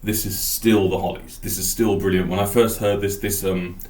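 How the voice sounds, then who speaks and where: A man's voice: deep voice, fairly even intonation, normal speed, darkish tone, echoey room, a little hiss or hum. A man hosting a podcast, rambling enthusiastically about an album and thinking aloud. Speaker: podcast host. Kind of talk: casual album talk.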